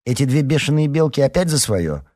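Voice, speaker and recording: A man's voice: on the low side, expressive, brisk, darkish tone, breathy edge. A man reading an audiobook, voicing a bossy, commanding teenage girl who edits a school paper. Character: stern young female school newspaper editor.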